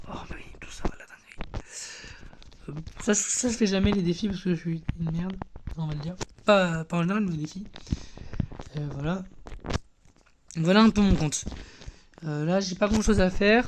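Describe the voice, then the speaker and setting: A man's voice: high-pitched, moderate pace, long pauses, background noise. A man hosting a casual gameplay video from his bedroom, rambling and self-deprecating, with lots of fillers. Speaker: gaming channel host. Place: bedroom at home.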